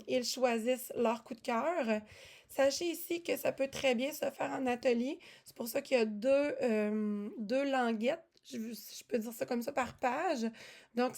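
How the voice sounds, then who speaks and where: A woman presents music lesson materials in a casual walkthrough. Her voice sits slightly high, and she talks in a chatty way, with frequent fillers and self-corrections. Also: a little mellow. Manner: chatty, many fillers and restarts. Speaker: music teaching resource presenter.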